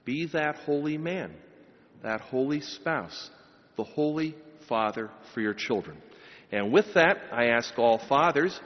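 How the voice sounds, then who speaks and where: A man's voice: mid-range voice, animated, measured pace. A middle-aged man preaches at a pulpit microphone with emphatic delivery, pushing key phrases upward. His voice rings through a large church with a long, lingering reverb. The sound is a little dull and muffled. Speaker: pastor. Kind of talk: sermon and blessing.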